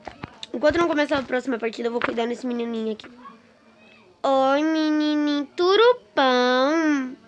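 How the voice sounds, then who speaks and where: A woman chatting excitedly and with exasperation to her viewers while commenting on a game she is playing. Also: a little high, very fast. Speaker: gaming streamer. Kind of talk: casual gameplay commentary. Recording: noisy with clicks.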